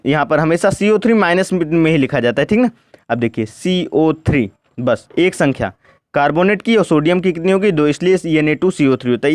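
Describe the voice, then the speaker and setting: A man teaching chemistry at a board, speaking slowly and asking questions he then answers himself. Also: fairly high pitch, dry recording, studio quality. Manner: asks questions and answers them himself, repeats "ठीक ना". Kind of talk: board lesson, step by step.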